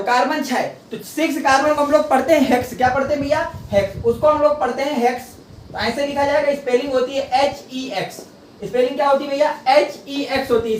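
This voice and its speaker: Heard from a distance in an echoey room with slight background noise, a man teaching chemistry asks rhetorical questions and then answers them, repeating key terms along the way. His pitch is very high.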